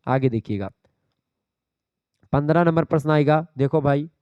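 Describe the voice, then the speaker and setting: A man's voice: on the high side, normal speed, clear, resonant tone, no echo, highs cut off. A male teacher giving an exam revision lecture, explaining terms step by step and checking that his students follow.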